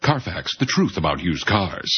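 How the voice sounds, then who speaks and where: An American man playing a deadpan announcer who gives advice in a comic radio ad. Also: low-pitched, moderate pace. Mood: dry, matter-of-fact. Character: deadpan male announcer advising a frugal buyer. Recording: dull lo-fi radio ad.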